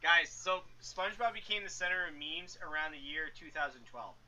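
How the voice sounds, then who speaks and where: A man's voice: fairly high pitch, moderate pace, pushed and bright, rough recording. A man co-hosting a podcast, teasing his friends and explaining facts. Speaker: podcast co-host. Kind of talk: casual podcast banter.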